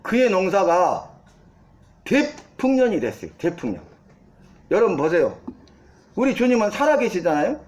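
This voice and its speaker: Man, pastor, sermon, high voice, very lively pitch, rhetorical questions, emphatic peaks. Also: moderate pace, pauses often. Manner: animated preaching, rising to emphatic peaks; asks the congregation rhetorical questions.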